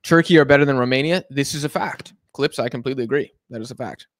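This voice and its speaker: Speaking at a quick pace with a medium-pitched voice, this American man runs a casual live football watch-along from his home couch. He rambles and answers chat on the fly, and the audio is studio quality with no room sound.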